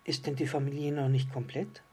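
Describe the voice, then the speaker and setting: A man voicing a patient, kindly island fish who calmly explains things in a storybook reading. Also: mid-range voice, brisk, slightly rough. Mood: explaining. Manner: calm, explaining, gently teasing.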